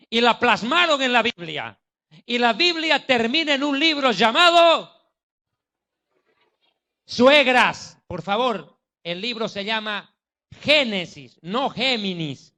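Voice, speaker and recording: A man's voice: extremely high pitch, lively intonation, slow, bright, forceful tone. A man preaching a sermon in a mocking, jokey and emphatic manner.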